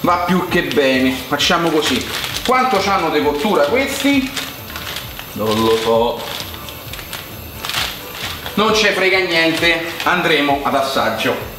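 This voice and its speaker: Casting: young male cooking vlogger, Roman Italian accent, higher-pitched voice, chatty and colloquial, echoey kitchen. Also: very animated, slow pace, pauses often, music in the background. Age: young adult. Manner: colloquial, chatty, addressing viewers directly. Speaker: cooking vlog host. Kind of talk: casual cooking demonstration to viewers. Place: home kitchen, indoors. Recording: echoey room sound.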